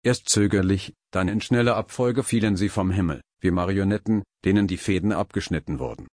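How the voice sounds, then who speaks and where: A man narrating a science fiction story in an even, dramatic reading style, close to the mic. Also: low-pitched, a little fast, no room sound.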